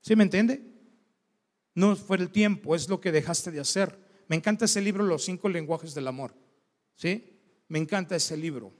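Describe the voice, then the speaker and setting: High-voiced pastor in a reverberant hall. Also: male voice, moderate pace, long pauses. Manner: conversational, keeps asking the congregation questions. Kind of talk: sermon. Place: church hall. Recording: long church-hall reverb.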